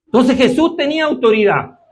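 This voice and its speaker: A man preaching a sermon. His voice sits high, and he keeps pausing to ask his listeners whether they agree before he presses on. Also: very animated. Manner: keeps asking the congregation for agreement.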